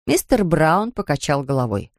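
A woman narrates a storybook in a fairly low, steady voice with expressive phrasing. The recording is dry and close. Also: normal speed, no echo. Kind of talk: storybook reading.

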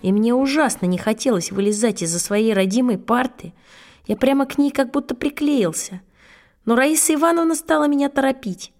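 Lady reading a kids story, lively, high voice, faint music behind. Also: moderate pace. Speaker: audiobook reader. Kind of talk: storybook narration in a child's first person.

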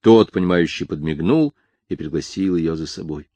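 A man reading an audiobook in scripted narration, in an even, measured way. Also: deep voice, no room sound.

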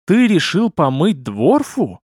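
Man voicing young male comrade, incredulous, questioning, lively pitch, dry close sound. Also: slow, husky, no room sound, exaggerated voice. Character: astonished young male companion. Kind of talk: audiobook character voice.

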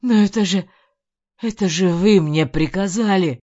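A woman voicing a frightened, servile male henchman in an audiobook, his voice high and strained as he pleads. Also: a little slow, warm tone, no echo. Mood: screaming, begging. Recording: dull lo-fi recording.

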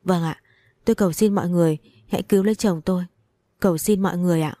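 A woman voicing a frantic young wife in a read-aloud story, pleading in quick, breathless bursts. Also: fairly low pitch, mellow, no echo, studio quality, natural voice. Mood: desperate pleading.

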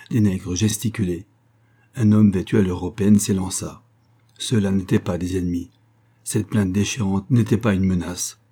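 A man narrating an adventure audiobook with a steady, dramatic reading. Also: fairly low pitch, husky.

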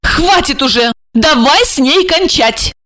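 A woman voicing a brash, greedy young woman who makes impatient, shrill demands in an audiobook. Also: animated, measured pace, bright, forceful tone, full character voice. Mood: pushy. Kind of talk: audiobook character voice.

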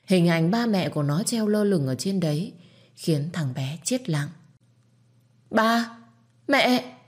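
A woman reading a somber story aloud in a measured, steady way. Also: lowish voice. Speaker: audiobook narrator. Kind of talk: scripted story narration.

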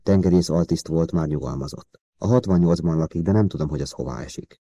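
A man's voice: rumbling low, mellow, no room sound. A man reading a thoughtful police chief. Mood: musing.

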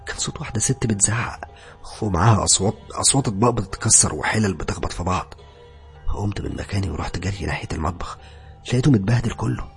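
Egyptian male horror narrator, low and rough-edged, dramatic. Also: animated, soft background music. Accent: Egyptian Arabic. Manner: rapid, dramatic telling. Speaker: storyteller.

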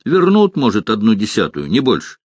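A man's voice: fairly low pitch, huge pitch swings, a little fast, darkish tone, husky, no room sound, exaggerated voice. A man voicing a stout, greedy male halfling merchant who talks in a coarse, blustering way.

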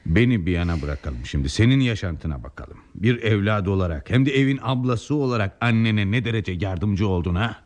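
Guy acting as stern older dad in an old radio play, real low voice, scolding and wounded. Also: a little mellow, lightly acted. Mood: reproachful. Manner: lecturing, reproachful, deliberate emphatic repetition. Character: stern, reproachful elderly lawyer father, defensive and wounded.

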